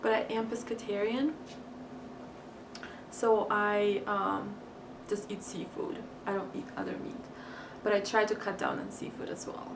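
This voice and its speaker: In a flat, unhurried, mid-range voice, a young woman from Crimea, Ukraine chats casually over a meal, her talk peppered with giggles and fillers. She is a vlogger and a native Russian speaker. Expect hiss, room echo, and a distant microphone.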